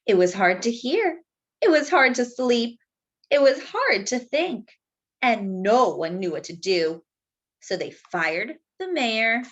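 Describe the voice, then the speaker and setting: A woman with a slightly high voice, recorded with the highs cut off, reads a picture book aloud as a children's storyteller. She performs it expressively, drawing out key words and chatting with her young listeners in an animated way.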